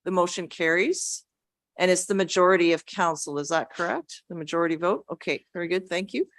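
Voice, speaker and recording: A woman's voice: on the low side, a little fast, no echo. A woman acting as mayor, chairing a council meeting in a polite, procedural way. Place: council chamber.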